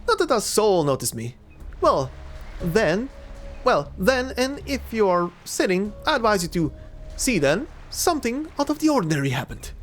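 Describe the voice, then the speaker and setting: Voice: medium pitch, sing-song, moderate pace, soft background music, pitched above the performer's own voice, close to an everyday voice. Someone voicing an eager old ghost sailor who tells folksy yarns in a video game read-aloud. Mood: suspenseful. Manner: folksy yarn-spinning.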